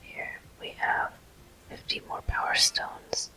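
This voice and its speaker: A video game walkthrough host murmurs relaxed ASMR narration, whispering in a breathy, soft, unvoiced way. The recording is low quality.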